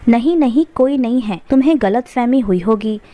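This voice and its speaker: A woman's voice: a little high, lively intonation, moderate pace, no echo, highs cut off, natural voice. A woman voicing a scornful, bossy middle-aged daughter-in-law in a narrated story. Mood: evasive. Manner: bossy, scolding.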